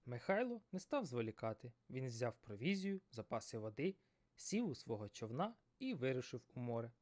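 A man narrating a fairy tale in an expressive, dramatic storybook style. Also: medium pitch, normal speed.

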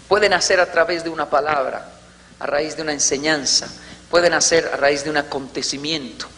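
Guy giving a talk, high bright voice, acts out little family scenes, echoey hall. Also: steady tone, a little fast. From Colombia. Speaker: motivational speaker. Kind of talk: lecture to an audience.

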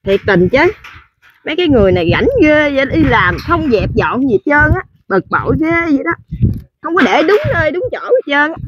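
A woman's voice: sits high, sing-song, fairly quick, dry recording, muffled recording. A woman acting in a comic sketch, complaining in exasperation and full of exclamations. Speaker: worker in comedy sketch.

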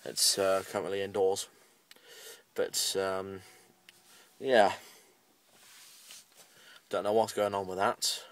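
Sitting in a parked car, a British man records a casual video update about his amateur radio hobby, rambling along in a matter-of-fact way. He has a low, level voice and speaks slowly with frequent pauses, far from the microphone.

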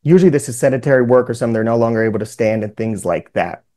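A man's voice: mid-range voice, lively intonation, very fast, mellow. Man presenting an explanatory legal webinar. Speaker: presenter, workers' compensation lawyer. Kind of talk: webinar lecture explaining legal rules from slides. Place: indoors, on a video call.

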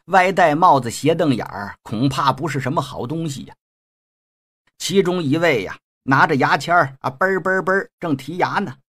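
A male storyteller performing an audiobook in a colloquial, traditional manner. His husky voice swings widely in pitch, and he adds playful asides as he goes. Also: expressive, moderate pace, fairly bright tone.

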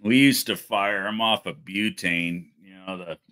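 A man's voice: fairly low pitch, unhurried, pushed and bright. A man hosting a casual live chat, talking loosely and swearing, with frequent "you know" and chat readings. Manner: profane, laughing, lots of "you know". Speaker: host of a car show live stream, reading chat.

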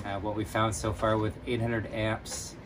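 A man in his thirties, a sailing vlogger, explaining a battery install in a relaxed, practical way with many fillers, recorded on a boat at a marina. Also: lowish voice, measured pace, background noise. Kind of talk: casual explaining while working. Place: catamaran engine room and cockpit, outdoors at a marina.

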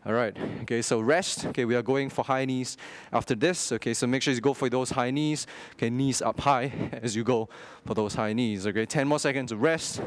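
A young man instructing a workout, energetic, talking in short clipped cues and counts with frequent okays while exercising. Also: mid-range voice, brisk, hardly any pauses, dry recording. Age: young adult. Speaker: fitness instructor.

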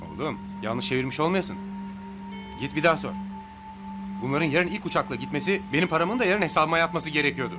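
A man's voice: on the high side, expressive, fast, close to an everyday voice. A male actor playing an impatient, bossy, money-minded man in a TV drama. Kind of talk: TV drama acting. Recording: loud music behind the dialogue.

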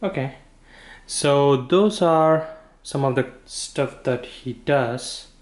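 A man giving a casual hands-on product demonstration, halting and informal as he thinks aloud. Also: medium pitch, background noise. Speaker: product reviewer. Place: indoor room with wooden floor.

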